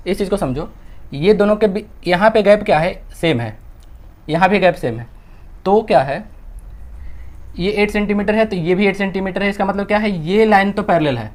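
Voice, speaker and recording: A young Indian-accented man with a high-sitting voice teaches maths, working through textbook exercises step by step. He mixes Hindi into his English and poses questions that he then answers himself.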